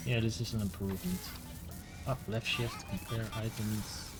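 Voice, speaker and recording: A man's voice: fairly low pitch, steady tone, normal speed. A man commenting on a video game, muttering and thinking aloud as he plays. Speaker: gamer host. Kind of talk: let's play commentary. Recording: voice over loud game music.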